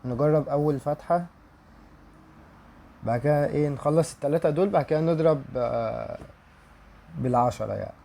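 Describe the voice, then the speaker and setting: Young Egyptian gamer, slightly high-pitched, hopeful and pleading while opening packs. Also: male voice, a little fast, gravelly, pauses often. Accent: Egyptian Arabic. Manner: pleading and excited, repeating wishes aloud. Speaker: gaming YouTuber. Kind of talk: pack-opening commentary.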